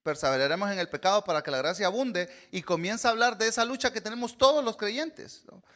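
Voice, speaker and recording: A man, preaching an earnest sermon as a guest speaker, often pausing on "eh" and checking in with "¿verdad?". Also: high voice, pushed and bright. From Honduras. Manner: earnest, frequent "eh" fillers and "¿verdad?" tag questions.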